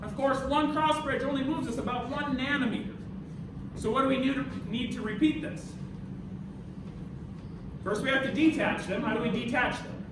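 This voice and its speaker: An American man with a very high-pitched voice teaches a university class, informal and theatrical, giving directions and quizzing students. His intonation is fairly even, his pace moderate, with long pauses. The animated lecture happens during a live demonstration in an indoor classroom, recorded noisily on a far mic in an echoey room.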